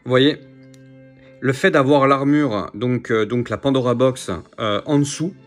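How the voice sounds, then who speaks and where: A man's voice: medium pitch, a little slow, faint music behind. A man casually showing his figure collection to camera, chatty and rambling, full of fillers and repeats. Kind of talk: casual unboxing chat to camera.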